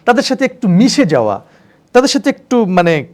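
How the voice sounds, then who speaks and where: Lively high-voiced male lecturer. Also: brisk. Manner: animated, acts out examples in varied tones; religious phrases and English words mixed in. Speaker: teacher trainer. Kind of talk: lecture to trainee teachers.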